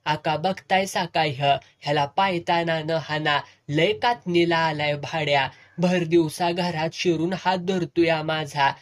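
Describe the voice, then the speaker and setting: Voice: medium pitch, fairly even intonation, lightly acted. A storyteller voicing a fierce middle-aged village aunt with a rural Marathi accent, delivering an abusive tirade. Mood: scolding. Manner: scolding, abusive, rapid tirade.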